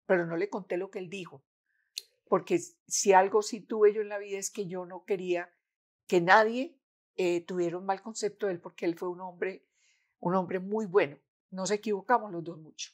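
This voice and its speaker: A woman's voice: mid-range voice, moderate pace. An older woman with a Colombian accent, a guest in a conversation, telling a personal family story and acting out the voices of the people in it. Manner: animated, acts out the voices of people in her story. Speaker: interview guest, mother of the host.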